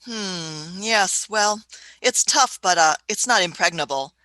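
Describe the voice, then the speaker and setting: A woman's voice: fairly low pitch, lively intonation, slow pace, pushed and bright, no room sound, full character voice. A woman voicing a fussy elderly Doctor who chuckles, hums and uses old-fashioned phrases in a radio play. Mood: amused. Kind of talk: amateur radio play acting.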